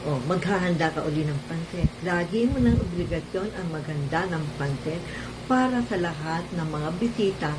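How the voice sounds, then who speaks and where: Older woman, gap-toothed slight lisp, chatty and jokey, lowish pitch, noisy amateur video. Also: animated, normal speed. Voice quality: slight lisp from missing front teeth. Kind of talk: casual birthday video greeting.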